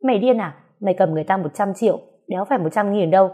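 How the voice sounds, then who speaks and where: A woman's voice: mid-range voice, rapid-fire, narrow, tinny audio, natural voice. A woman reading a story aloud, voicing a bossy, foul-mouthed older woman. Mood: scolding. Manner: blunt, scolding, swearing.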